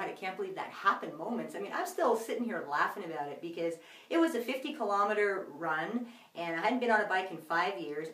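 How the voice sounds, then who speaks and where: Energetic woman vlogging in an echoey room. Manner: energetic, laughs easily, big pitch swings. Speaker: motivational vlogger. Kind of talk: casual motivational video message. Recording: echoey room, mic at a distance.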